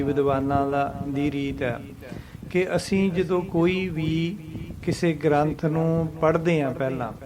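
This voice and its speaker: Punjabi-accented male teacher, very slow and careful, recites lines then explains them, group audible behind. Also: fairly high pitch. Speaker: Gurbani teacher. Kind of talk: scripture pronunciation lesson.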